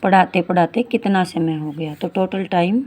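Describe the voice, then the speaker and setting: A woman in her forties teaching a maths lesson, reading English word problems slowly and explaining each step in Hindi, calling her students beta. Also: fairly low pitch, a little mellow. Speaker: math teacher.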